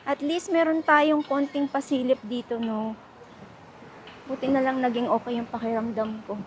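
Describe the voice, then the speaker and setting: Young woman vlogging on the go: chatty, laughs a lot, mixes Tagalog and English, a bit high-pitched. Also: steady tone, normal speed, slight background noise. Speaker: travel vlogger. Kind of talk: casual travel vlog chat. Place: outdoors on city streets.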